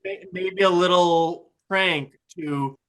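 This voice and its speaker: A man's voice: high-pitched, fairly even intonation, slow pace, a bit bright. A man co-hosting a podcast, making laid-back, joking asides while chatting over a movie. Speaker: podcast co-host. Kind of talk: casual movie commentary chat.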